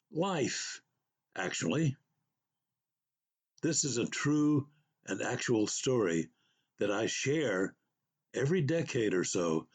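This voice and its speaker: A man narrating a personal true story in a slow, unhurried and reflective way. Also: medium pitch, darkish tone, breathy edge.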